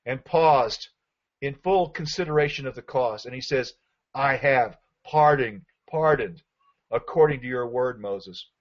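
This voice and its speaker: A man preaching a sermon, reading scripture aloud, often restarting and stretching key words out slowly. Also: a little high, darkish tone, husky, lo-fi sound.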